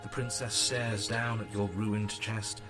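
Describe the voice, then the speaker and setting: A man voicing a grim, dry narrator in a video game, delivered in a measured, dramatic way. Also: lowish voice, flat delivery, natural voice. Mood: grave. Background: game music.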